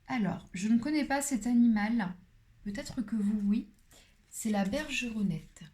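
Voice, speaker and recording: A woman giving a casual tarot card reading. She talks in a chatty, playful way and often drops into soft whispered asides. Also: fairly high pitch, a little slow.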